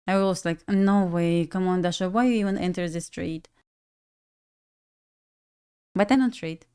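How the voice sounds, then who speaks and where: A young Belarusian woman, a native Russian speaker with a Russian accent, chats casually and laughs often while day trading on a live stream, frequently talking to herself. Her voice is fairly low, steady, smooth and dark in tone, and she speaks a little slowly.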